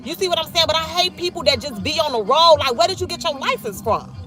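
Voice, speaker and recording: A woman's voice: sits high, expressive, fast, over music. A woman in her thirties from Chicago with a Chicago accent, chatting bluntly and profanely on a livestream while she drives, reading viewers' comments aloud. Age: 30s. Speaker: livestreaming vlogger. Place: in a car.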